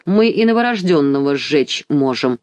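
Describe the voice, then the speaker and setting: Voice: mid-range voice, animated, moderate pace, a little mellow, dry recording, natural voice. A reader voicing a vicious older bishop in a storybook who hisses out his demands, in a dry recording. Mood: zealous, vengeful. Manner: hissing, zealous.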